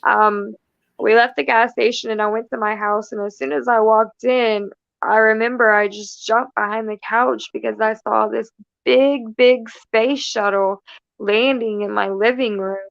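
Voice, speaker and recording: A woman's voice: fairly high pitch, fairly even intonation, measured pace, creaky, no room sound, lo-fi sound. A woman guest talking candidly and matter-of-factly in a casual conversation over a video call. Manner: candid and matter-of-fact, with light laughs.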